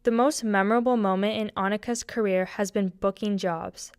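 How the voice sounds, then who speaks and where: Smooth-voiced woman reading narration. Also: medium pitch, normal speed, no echo, clean studio sound. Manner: even, read-aloud delivery. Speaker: interviewer and narrator. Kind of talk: scripted documentary narration.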